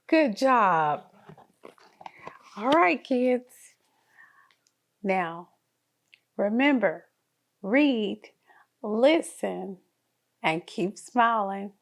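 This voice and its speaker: Reading aloud to toddlers from a picture book, this woman has an expressive, medium-pitched voice. She goes very slowly with long pauses, keeping things sing-song, encouraging and child-directed.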